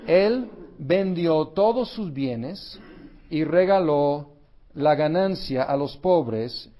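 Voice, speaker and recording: A man's voice: fairly high pitch, lively intonation, drawn-out words, warm tone. A man teaching church history in an unscripted lecture, thoughtful, with many fillers and self-corrections.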